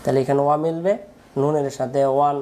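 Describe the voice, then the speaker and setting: A man's voice: a little high, fairly even intonation, quick pace, dark tone. A man teaching Quran reading in a patient, repetitive syllable-by-syllable spelling drill. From Bangladesh.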